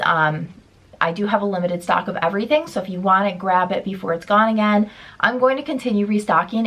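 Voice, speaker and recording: Sick, nasal-voiced young woman vlogger. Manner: lower energy, upbeat product talk. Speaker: beauty vlogger. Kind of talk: casual chat to camera.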